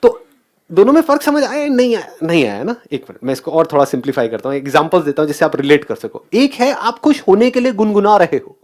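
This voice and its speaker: A man's voice: high-pitched, big pitch swings, quick pace, darkish tone. A man giving a motivational talk, asking the audience questions and mixing English phrases into his speech. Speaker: motivational speaker.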